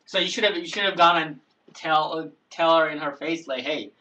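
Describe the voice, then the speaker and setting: A man's voice: fairly high pitch, brisk, pushed and bright, distant mic, lo-fi sound, slight background noise. A man hosting a casual chat show, stammering, repeating words and giggling. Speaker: host.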